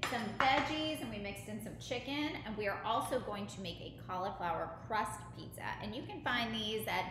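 A woman's voice: mid-range voice, moderate pace. A young woman hosting a kids cooking lesson in her home kitchen, talking to the camera in a cheerful, encouraging way. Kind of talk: casual instructional chat. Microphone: camera mic at a distance. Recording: echoey kitchen with room noise.

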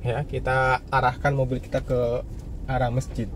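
A man's voice: medium pitch, monotone, moderate pace, a little hiss or hum. A man vlogging from a moving car at night, chatting casually and guiding viewers along the road. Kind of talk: casual driving commentary.

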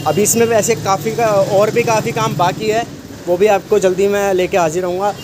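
A high-voiced bike mechanic who hosts his own channel talks through a casual walkaround video at an outdoor repair shop, filmed on a phone camera while he stays off screen. He's chatty and boastful, says "bhai" constantly, and speaks at a moderate pace with fairly even intonation as a noisy street and traffic sound behind him.

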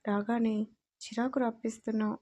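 A woman voicing a stern, quick-tempered young husband who scolds with demanding questions in a storybook reading. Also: fairly high pitch, level tone, a little mellow, natural voice. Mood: angry.

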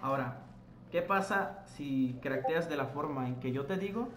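A man's voice: on the high side, normal speed, a bit bright. A man hosting a casual gameplay tutorial, chatting to his viewers and correcting himself as he explains. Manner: chatty, addresses viewers as "chicos", self-corrects while explaining. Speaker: gaming tutorial host. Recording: echoey room with faint noise.

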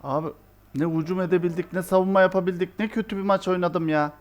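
A young man commentating his own football video game match live, excitable and exasperated, shouting at his players. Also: sits high, fast.

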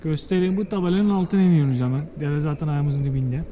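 Excitable young man with a mellow voice. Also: a little high, fast talker, poor audio. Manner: excitable, exclaims loudly at each catch. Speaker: fishing vlogger. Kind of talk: casual outdoor vlog chat. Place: outdoors beside a stream.

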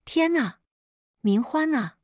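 A woman's voice: fairly low pitch, big pitch swings, moderate pace, a little mellow, no room sound. A woman voicing a grieving old mother who wails, accuses and begs tearfully, in a storybook reading. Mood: wailing. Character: wailing grieving old mother, shrill and abusive. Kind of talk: storybook narration.

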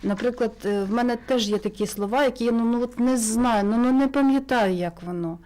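A woman with a Ukrainian accent, a sound engineer chatting as a studio guest, telling stories with many pauses and fillers. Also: a little high. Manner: relaxed, storytelling, many hesitations. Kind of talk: casual studio interview.

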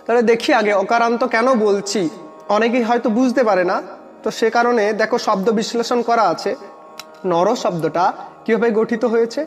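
High-pitched male teacher, patient, asks his own questions and answers them. Long reverb and soft music behind him. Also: fairly quick. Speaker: Sanskrit teacher. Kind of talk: online grammar lesson.

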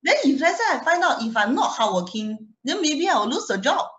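A young woman with a non-Singaporean foreign accent speaks as a guest, giving a chatty personal testimonial full of laughter and restarted words. Her voice is high, a bit bright, and brisk, with big pitch swings.

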